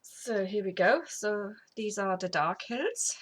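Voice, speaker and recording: Speaking slowly at a medium pitch, this craft tutorial host is a middle-aged woman with a slight cold. She rambles in a chatty way as she shows a craft technique, slipping into whispers while her hands are busy, over faint background noise.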